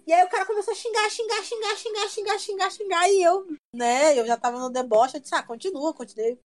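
High-voiced mocking woman. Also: a little fast. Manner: mocking, lively storyteller. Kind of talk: casual chat about gaming.

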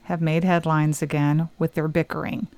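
A woman's voice: low voice, level tone, normal speed, a little mellow, clear, resonant tone, dry recording. A woman co-hosting a casual talk podcast, reading out entertainment news with chatty asides. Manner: reads news items aloud, chatty asides. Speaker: podcast co-host.

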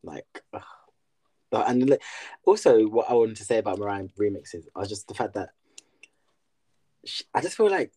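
A man's voice: on the low side, big pitch swings, normal speed, pauses often, mellow, slightly rough. A man co-hosting a podcast in casual chat, gushing with enthusiasm. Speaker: podcast co-host.

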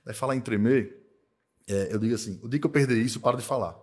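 A man from Northeast Brazil who runs an accounting firm, talking in a casual podcast conversation, emphatic and repetitive, tagging his points with quick checks for agreement. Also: mid-range voice, a little mellow. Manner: emphatic, repeats himself, tag questions "tá?" and "né?".

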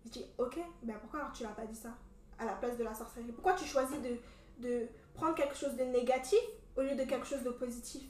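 A young woman from Cameroon telling a story in casual chat, animated and full of fillers. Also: fairly high pitch, quick pace. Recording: echoey room from a distance.

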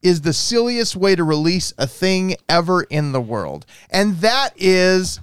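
A man hosting a casual chat and steering the topics, with an animated delivery. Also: sits high, measured pace, clear, resonant tone, dry recording, studio quality. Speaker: podcast host.

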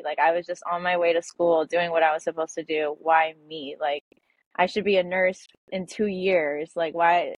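A woman's voice: sits low, no room sound, low-quality recording. A young woman in her twenties, a podcast guest, telling a personal story in a casual way with many fillers.

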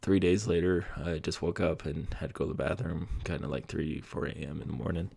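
Man, husky, rough gravelly tone, rambling and self-deprecating, home podcast. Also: low-pitched, steady tone, a little fast, warm tone. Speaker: podcast host. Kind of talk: casual solo podcast monologue. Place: home basement room.

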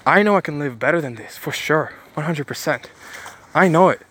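Emphatic man with a higher voice. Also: animated, fairly quick, fairly bright tone, breathy edge. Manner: emphatic, repeats phrases for stress; rambling with frequent restarts. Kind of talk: preachy motivational monologue.

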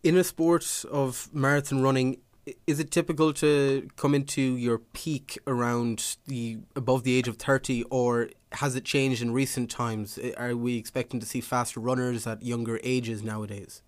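A man conducts a relaxed-format sports interview in a mid-pitched voice. He puts long conversational questions to his guest, and the sound is very dry, with no room on it. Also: normal speed, dry recording.

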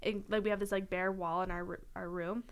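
A young woman co-hosting a casual podcast chat, telling stories in an animated way with frequent laughter. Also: mid-range voice, brisk, clear, resonant tone. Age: young adult. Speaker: podcast co-host.

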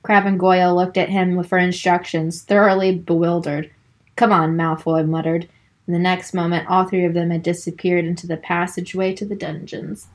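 A woman's voice: fairly low pitch, flat delivery, moderate pace. Wry, foul-mouthed woman co-host. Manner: wry, profane, reads narration aloud. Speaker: podcast co-host. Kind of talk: casual book-club chat and reading aloud.

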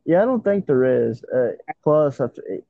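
A man's voice: medium pitch, very animated, normal speed, gravelly, no echo. Man on a muffled, tinny bad connection. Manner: laid-back, rambling with fillers. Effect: muffled, tinny call over a bad connection. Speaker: podcast co-host. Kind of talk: casual chat. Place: small metal shed. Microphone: phone or internet call. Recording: narrow phone-like line, dry.

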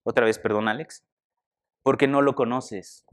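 A man's voice: medium pitch, measured pace. A young man, preaching a conversational sermon and asking the congregation questions. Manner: animated, conversational, asks the audience questions.

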